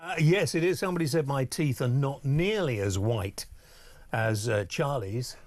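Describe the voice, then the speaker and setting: A man hosting a live late-night talk radio show with smooth host patter, bringing callers on air and chatting with his co-host. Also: medium pitch, lively intonation, normal speed, soft background music. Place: radio studio. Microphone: studio microphone.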